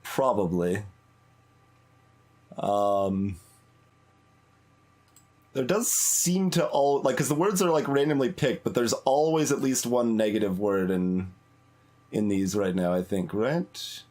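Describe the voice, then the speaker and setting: A streamer hosting a let's play gives casual live game commentary in a lowish, darkish voice, with game music in the background. He speaks slowly with long pauses, thinking aloud in a hesitant, musing way and trailing off mid-thought.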